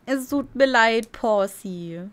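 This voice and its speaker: A woman's voice: on the high side, lively intonation, slow, fairly bright tone. A woman giving casual gameplay commentary as a let's play streamer, chatty and giggly and playfully silly.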